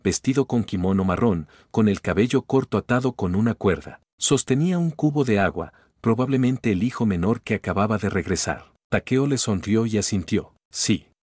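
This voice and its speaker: A man narrating an audio novel in a steady, measured reading. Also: fairly low pitch, husky, no room sound, studio quality.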